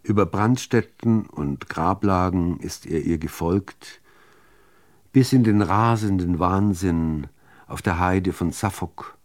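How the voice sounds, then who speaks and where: A radio narrator with a low voice reads literary prose. His delivery is measured and deliberate, with dramatic pauses.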